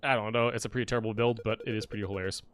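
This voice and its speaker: A man giving animated live gameplay commentary as a streamer, who keeps addressing his viewers as friends. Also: lowish voice, rapid-fire, a little hiss or hum. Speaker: gaming streamer.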